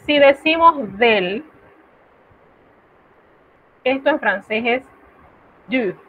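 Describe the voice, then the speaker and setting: A woman's voice: mid-range voice, lively intonation, slow, a bit bright. A woman teaching a French lesson, explaining step by step in a patient way and pronouncing each example with care. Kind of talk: recorded online class lesson. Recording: tinny lo-fi phone-like audio.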